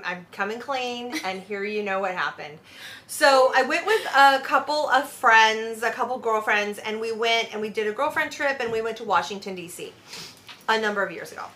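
Loud mouthed podcast host lady, cusses a ton, bright voice. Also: on the high side. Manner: brash, profane and animated. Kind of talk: casual chat.

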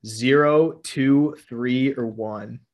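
A man's voice: medium pitch, extremely slow. Young male host, casual, reads quiz options aloud, laughs often. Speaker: podcast host reading quiz questions. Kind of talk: casual chat.

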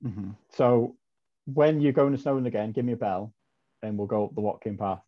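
A man's voice: lowish voice, normal speed. A man, a podcast guest telling a long story in a chatty, rambling way with many ums and self-corrections. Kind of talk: casual storytelling chat. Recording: dull lo-fi audio.

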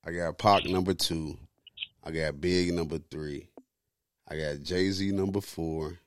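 Man, low voice, dry close sound, casual chat, slangy, profane, opinionated. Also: fairly even intonation, a little slow, smooth, no room sound. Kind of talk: casual chat, ranking favorite rappers.

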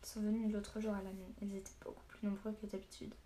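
Pockmarked miner, read by a woman, fearful and excitable, mellow even voice. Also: mid-range voice, fast, a little hiss or hum, natural voice. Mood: uneasy.

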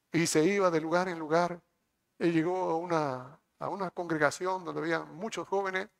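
Male rabbi, sermon delivery, emphatic, high voice. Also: creaky, fairly bright tone. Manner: preaching with emphatic rising passages and acted-out dialogue.

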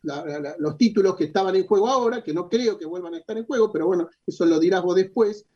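A husky-voiced Argentine man arguing boxing as a journalist, insistent and hard to interrupt. His voice comes through a dull, lo-fi recording. He keeps pressing his point while the other man talks. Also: high-pitched, quick pace, warm tone. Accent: Argentine Spanish. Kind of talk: heated radio argument.

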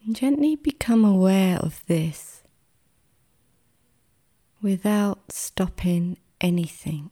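A woman guiding a relaxation meditation like a sleep story narrator, soothing and gentle, with a soft, sometimes breathy voice and long pauses. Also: mid-range voice, animated. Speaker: meditation guide.

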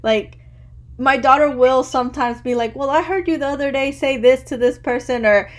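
High-voiced chatty woman podcast host. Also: normal speed. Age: 30s. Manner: chatty, rambling, says "like" constantly. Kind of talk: casual interview chat.

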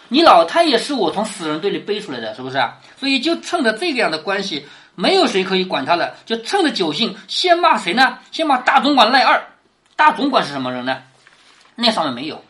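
A woman's voice: medium pitch, wildly swooping pitch, fairly quick, a bit bright. A woman lecturing on a classic novel, retelling and explaining it in plain conversational words and often asking rhetorical tag questions. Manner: constantly asks rhetorical tag questions, drops her voice on them.

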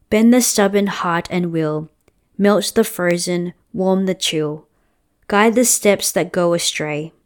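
A woman reading a liturgical hymn aloud as a church reader, solemnly and deliberately, line by line. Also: fairly low pitch. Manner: slow, deliberate, line-by-line phrasing.

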